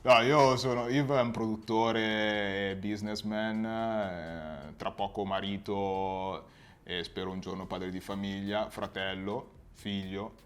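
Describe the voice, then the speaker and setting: A man, a music producer, talking casually in an interview in a halting, self-correcting way. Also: fairly low pitch, steady tone.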